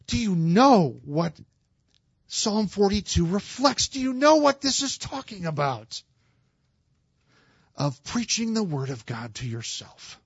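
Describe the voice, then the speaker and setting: A man's voice: high voice, big pitch swings, takes it slowly, breathy edge, no echo. A man preaching a sermon as a pastor, earnest and emphatic, often restarting his words. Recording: slightly dull, dry recording.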